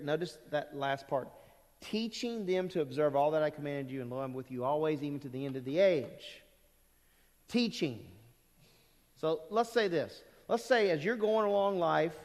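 A man's voice: fairly high pitch, a little mellow. Man preaching a sermon in a reverberant hall. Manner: conversational preaching, plays out listeners' objections. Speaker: pastor. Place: church sanctuary.

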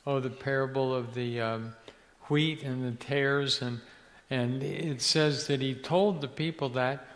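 A man's voice: mid-range voice, fairly even intonation, a little slow. An older man from Ecuador tells a long story as an interview guest, wandering and searching for his words. His voice sits in a mid range. A long hall reverb trails every phrase. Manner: rambling, searches for words with many restarts. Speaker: guest, missionary's son.

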